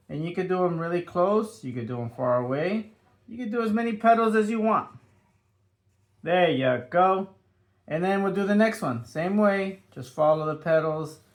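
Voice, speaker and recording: A man leading a step-by-step drawing tutorial for children, upbeat and sing-song, dropping in playful sound effects as he draws. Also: high-pitched.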